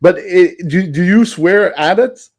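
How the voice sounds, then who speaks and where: A man's voice: sits high, darkish tone. A man guesting on a casual tech chat who rambles, restarts his sentences and laughs easily. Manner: rambling, self-correcting, quick to laugh. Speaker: guest developer.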